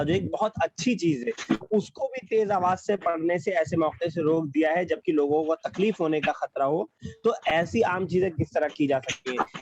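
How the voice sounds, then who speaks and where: A man's voice: a little high, highs cut off, noisy background. A man teaching an online class, explaining patiently over a video call and repeating key phrases.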